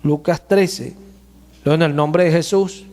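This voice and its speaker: A man preaching a sermon as pastor, emphatic and slowing to stress key words, in a church. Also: fairly high pitch, fairly even intonation, darkish tone. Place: church hall. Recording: long church hall reverb.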